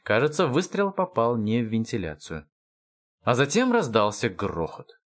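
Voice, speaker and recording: A man narrating an audiobook in a wry, storytelling manner. His pitch rises and falls in a lively way across each sentence, and his voice sits in a middle register for a man. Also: moderate pace. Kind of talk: scripted narration.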